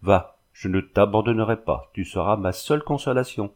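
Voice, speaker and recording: A man's voice: on the low side, moderate pace, darkish tone, close to an everyday voice. A man reading the lines of a proud, wounded young woman, speaking with bitter pride. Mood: tender.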